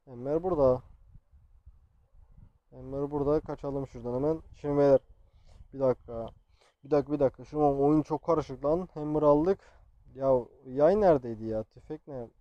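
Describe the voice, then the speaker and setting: A man's voice: mid-range voice, moderate pace, pauses often, no echo, highs cut off. A man giving gameplay commentary, talking to himself, swearing, and getting frustrated as he plays. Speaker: gameplay streamer.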